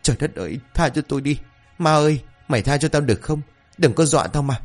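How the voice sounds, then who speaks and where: A man's voice: fairly high pitch, expressive, fast talker, soft background music, voice pushed up. A man voicing a cowardly young burglar who stammers and pleads. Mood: terrified.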